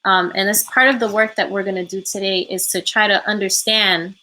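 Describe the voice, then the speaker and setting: Speaking a little fast in a medium-pitched, steady voice, a woman guides a healing workshop via a remote call from home. Her tone is bright and forceful, her talk reflective, peppered with ums and a trailing "right?" after each point. Audio quality is poor.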